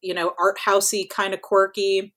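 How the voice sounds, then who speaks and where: A woman's voice: mid-range voice, flat delivery, normal speed, a bit bright. A woman co-hosting a podcast in casual chat, rambling with lots of fillers and casual swearing. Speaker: podcast co-host.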